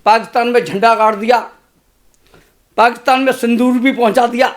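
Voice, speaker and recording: A man in his sixties, a comic poet reciting humorous verse on stage in a slow, sing-song way with chatty asides to the audience. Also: extremely high pitch, steady tone. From India. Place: stage at a poetry gathering.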